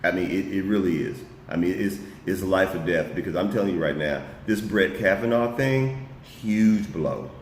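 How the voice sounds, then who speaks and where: A man's voice: low voice, moderate pace, few pauses. A man co-hosting a political discussion, speaking heatedly, stumbling over repeated words as he gets worked up and saying y'all. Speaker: co-host. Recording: echoey room, faint noise.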